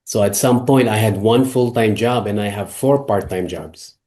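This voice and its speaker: A man from the Philippines, a guest telling his own story in a measured way. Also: fairly low pitch, mellow.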